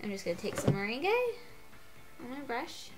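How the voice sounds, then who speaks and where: A woman's voice: a little high, animated, brisk, music in the background. A congested woman with a cold giving a chatty makeup tutorial, gushing and getting out of breath. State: gets out of breath. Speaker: beauty vlogger.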